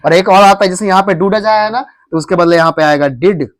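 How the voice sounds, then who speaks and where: A man runs a coaching-class grammar lesson in a classroom, firing questions at his students and having them repeat answers. His voice sits high. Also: a little fast. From India.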